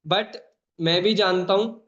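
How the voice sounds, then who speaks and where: A man with a fairly high voice hosts an online meeting over a video call. He calls out names and pushes people along with emphatic repetition. The sound comes through dull, lo-fi call audio. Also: steady tone, slow, a bit bright.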